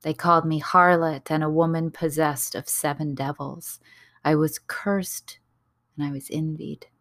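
A woman giving a dramatic, reverent reading of a narrative poem, hushed and lingering on words. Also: low-pitched, fairly even intonation, measured pace, no echo.

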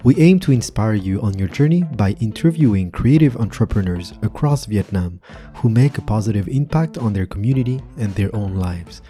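A man co-hosting a podcast interview, quick and playful, laughing often. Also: lowish voice, animated, warm tone, faint music behind. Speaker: podcast co-host.

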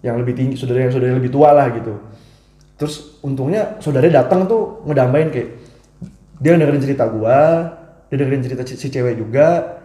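Animated storyteller, young man. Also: medium pitch, brisk. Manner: animated, acts out quoted voices, frequent restarts. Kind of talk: casual storytelling chat. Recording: echoey room.

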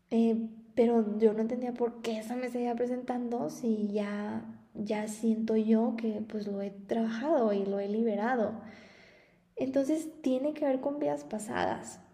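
A young woman with a Mexican Spanish accent tells stories on her podcast in a chatty, laughing way. Her voice sits a little high but sounds mellow and soft. The recording has a noticeable room echo. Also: gravelly. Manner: chatty, warm storytelling with frequent laughs. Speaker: podcast host and spiritual therapist. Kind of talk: casual spoken monologue.

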